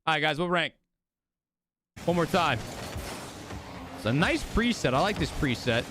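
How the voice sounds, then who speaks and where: This man's voice sits on the high side, swinging widely in pitch at a slightly slow pace against a noisy background. He's a live streamer hosting a watch party, casually hyping his viewers in slangy bro speak with swearing. Overuse has strained his voice and he's losing it.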